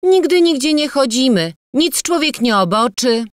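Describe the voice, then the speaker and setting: A woman voicing a stubborn young peasant farm girl, speaking sulkily in a high, raised voice. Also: lively intonation, moderate pace, dry recording, clean studio sound. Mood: sulky.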